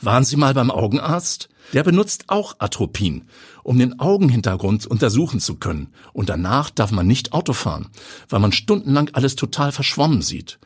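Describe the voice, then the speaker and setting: A man voicing a curious, sharp young male journalist who asks and explains, with a husky edge. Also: medium pitch, very animated, normal speed, no room sound, clean studio sound, pitched above the performer's own voice. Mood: explaining. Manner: inquisitive, explaining.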